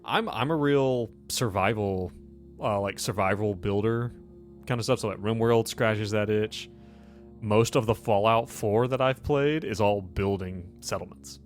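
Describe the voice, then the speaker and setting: Joking around with friends in crude, teasing fashion, this man hosts and runs a tabletop gaming podcast. He talks at an unhurried pace in a lowish voice while faint music plays underneath.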